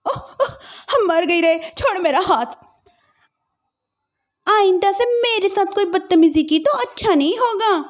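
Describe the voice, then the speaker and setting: A woman's voice: extremely high pitch, moderate pace, few pauses, voice pushed up. A woman voicing a haughty, spiteful young sister-in-law with bossy, whiny demands in a family story. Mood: pained. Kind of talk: acted family-drama storytelling.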